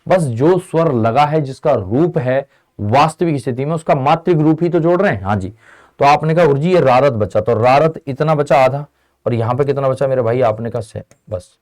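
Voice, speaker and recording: In a classroom lesson, a young man talks chattily and keeps checking whether the students are following. He speaks at normal speed in a medium-pitched, darkish voice.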